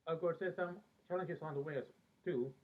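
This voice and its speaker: Speaking with a fairly high, steady voice, a man from Peru who later settled in America looks back on a TV show in a casual, rambling vlog. He hesitates constantly and pauses mid-sentence, and the sound is narrow and phone-like.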